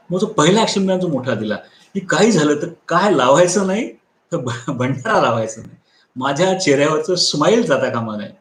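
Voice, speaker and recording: A man's voice: mid-range voice, roomy sound. A man giving a live motivational lecture, telling stories, acting out the people in them and repeating key lines for emphasis. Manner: animated storyteller who acts out quoted people. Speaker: motivational speaker and trainer.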